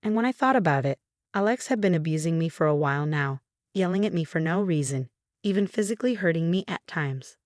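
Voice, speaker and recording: A woman reading a first-person story as scripted narration, in a steady storytelling manner. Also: lowish voice, fairly quick, no room sound, studio quality.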